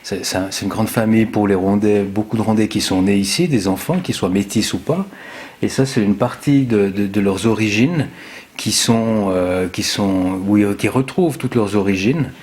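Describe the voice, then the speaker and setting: A man in a documentary interview, speaking in a measured way and repeating phrases. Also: lowish voice, a little mellow.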